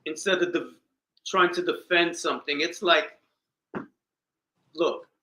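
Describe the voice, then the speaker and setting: A man's voice: a little high, unhurried, slight background noise. A man chatting on a podcast and telling a family story, acting out the people in it. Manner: animated storyteller, acts out voices in quotes. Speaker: podcast co-host. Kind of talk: casual conversation and storytelling. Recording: echoey room.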